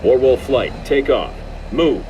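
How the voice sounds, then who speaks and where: A curt controller over radio. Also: male voice, mid-range voice, slow, background noise. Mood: commanding. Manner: curt, clipped radio orders. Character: terse male military air controller. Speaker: air traffic controller. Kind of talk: video game cutscene voice acting.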